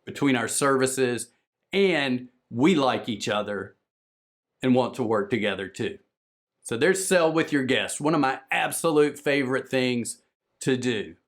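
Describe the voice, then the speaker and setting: A man from the southern United States with a Southern American accent, giving an energetic, fast-talking, salesy conference presentation on podcast business. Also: mid-range voice.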